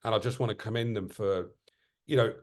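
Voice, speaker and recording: A man's voice: lowish voice, a little fast. A man co-hosting a podcast, chatting casually and jokily, often restarting his sentences. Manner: animated, self-interrupting, jokey. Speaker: podcast co-host. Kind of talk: casual market chat.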